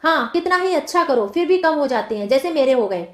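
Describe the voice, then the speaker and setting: A woman's voice: sits high, animated, fairly quick. A woman reading the lines of an upset, tearful schoolboy in a plaintive, complaining tone. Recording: roomy echo.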